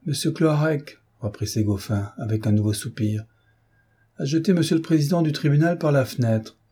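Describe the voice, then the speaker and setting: An imperturbable old servant speaks in a dry, sententious deadpan, never rattled. A man reading a classic novel aloud puts him on in a mellow, husky tone. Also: on the high side, normal speed, voice pushed up. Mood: resigned. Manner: calm, sententious, unflappable. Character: phlegmatic, deadpan old male manservant.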